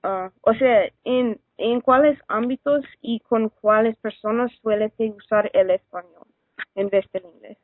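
A woman conducting a friendly class interview, asking questions in a halting way. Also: a little high, no echo. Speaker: student interviewer. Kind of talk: casual phone interview. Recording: tinny phone line with faint noise.

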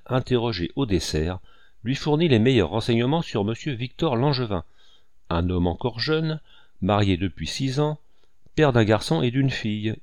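Give me a low-voiced man narrating a classic novel, dry and close. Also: darkish tone, no echo. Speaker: audiobook narrator.

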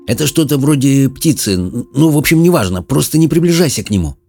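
An audiobook narrator voicing a calm, firm young boy. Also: mid-range voice, fairly quick, gravelly, breathy edge, faint music behind, pitched above the performer's own voice. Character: brave, practical young boy.

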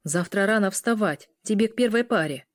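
A woman's voice: mid-range voice, lively intonation, moderate pace, no echo, clean studio sound, natural voice. A woman voicing a possessive werewolf man who gives short, commanding orders. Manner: curt, commanding.

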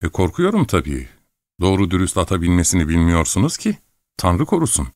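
A gruff young army captain, as a male reader acts him out, blunt in tone and quick to sulk. The voice sits low and close. No room sound is heard at all. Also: very animated, darkish tone, no echo. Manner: blunt, sulky.

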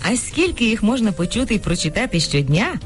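A woman co-hosting a scripted radio program on language, explaining pronunciation clearly. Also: medium pitch, brisk. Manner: clear, explanatory, lively intonation.

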